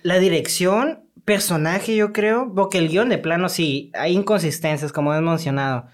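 A speaker with a Mexican accent in a casual film talk, animated and slangy, full of sound effects and filler tags. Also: mid-range voice, normal speed.

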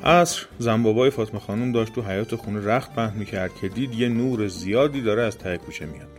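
A man narrating a folk tale as a storyteller, with gentle drama. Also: fairly low pitch, music in the background.

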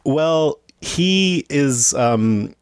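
A man's voice: on the high side, animated, extremely slow, smooth, dry recording, clean studio sound. A man hosting a podcast, talking casually about favorite movies and animatedly acting out lines. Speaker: podcast host. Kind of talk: casual film chat.

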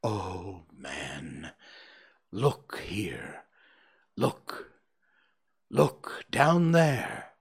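A man voicing a sorrowful, aging male spirit who speaks low, in a hushed, half-whispered voice. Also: huge pitch swings, drawn-out words, husky, heavily acted.

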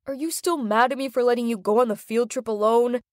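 A woman's voice: a little high, brisk, a little mellow, no room sound, close to an everyday voice. Woman doing a pushy teen boyfriend, coaxing, pleading, dry close sound. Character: pushy teenage boyfriend with a car.

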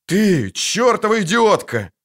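A gruff, sarcastic monster hunter who loses patience quickly, read by a man in near his own voice. His speech rises and falls expressively, mocking one moment and sharp the next. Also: mid-range voice, lively intonation, close to an everyday voice.

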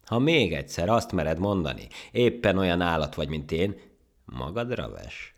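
A man's voice: deep voice, very animated, voice pushed up. A man voicing an arrogant, mocking male monkey in a storybook tale. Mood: threatening. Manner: scornful, loud, laughing. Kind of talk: storybook character voice.

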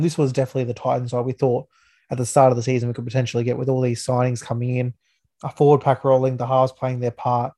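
An Australian man with a mellow, medium-pitched voice hosts a casual sports review podcast, chatting like a laid-back, matey everyday bloke.

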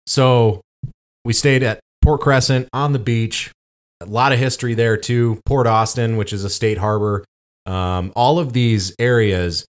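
A man, co-hosting a podcast and telling a travel story in casual chat, with lots of fillers. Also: lowish voice. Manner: rambling storytelling with many fillers. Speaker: podcast co-host.

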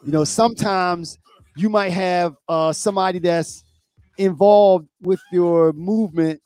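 High-voiced guy co-hosting a chat show, keeps restarting his words, dry close sound. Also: steady tone, darkish tone, no room sound. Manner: halting, repeats words and restarts often. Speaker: co-host. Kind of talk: casual talk-show discussion.

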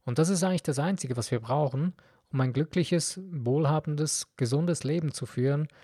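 Earnest German man, dark husky voice. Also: on the high side, normal speed, dry recording, studio quality. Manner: earnest, addresses the listener directly, frequent restarts. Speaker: podcast host. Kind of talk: spoken self-help monologue.

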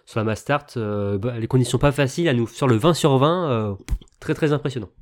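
A man hosts a casual sports podcast in a mid-pitched, everyday voice. He steers the conversation, handing over to his co-hosts. He talks in a relaxed way, pausing on fillers. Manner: hesitant, relaxed, leads the talk. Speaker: podcast host.

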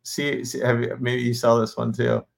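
A man co-hosting a podcast in relaxed conversation, with a mid-pitched voice. He speaks easily, asks a lot of questions, and often lets his sentences trail off. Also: moderate pace, creaky. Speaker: podcast co-host. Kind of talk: casual chat.

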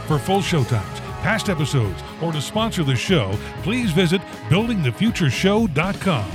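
Lively male announcer over music. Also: a little high, normal speed. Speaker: show announcer. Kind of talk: scripted show intro. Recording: clear music bed behind.

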